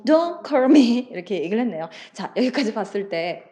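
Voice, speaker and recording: A woman's voice: on the high side, sing-song, moderate pace, mellow. A woman teaching an English lesson in an online lecture, acting out dialogue lines in playful voices and laughing often.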